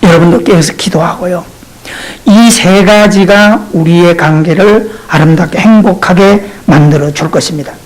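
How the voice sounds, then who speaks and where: Lively, joking pastor preaching a sermon. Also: male voice, high-pitched, normal speed, rough recording. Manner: animated, playful, talks directly to the congregation.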